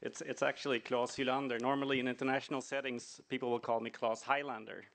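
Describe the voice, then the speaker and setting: A man's voice: medium pitch, little pitch movement, fast talker, creaky, a bit bright. A middle-aged man from Sweden and Venezuela, speaking earnestly at a conference with many fillers and restarts. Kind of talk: conference talk.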